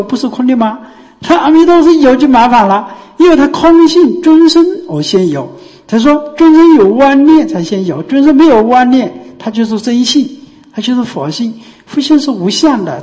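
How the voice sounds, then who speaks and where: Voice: medium pitch, darkish tone. A Buddhist teacher gives a dharma talk, explaining step by step and often asking rhetorical questions. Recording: long hall reverb.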